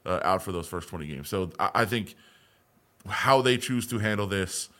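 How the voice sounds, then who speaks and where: A man co-hosts a casual sports podcast. His voice sits on the low side, and he talks in loose, conversational runs, often restarting his sentences. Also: lively intonation, moderate pace, fairly bright tone. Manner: conversational, with frequent restarts and fillers. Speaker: podcast co-host.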